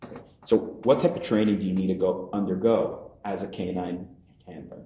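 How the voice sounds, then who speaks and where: Low-voiced prosecutor in a courtroom recording. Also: male voice, steady tone, mellow, highs cut off. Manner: measured, formal questioning with restarts. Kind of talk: courtroom witness examination. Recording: courtroom recording, echoey, faint hiss.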